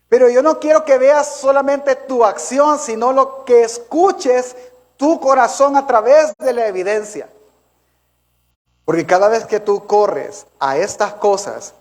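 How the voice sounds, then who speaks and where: Male pastor, high-pitched, emphatic sermon delivery with repeated questions to the congregation.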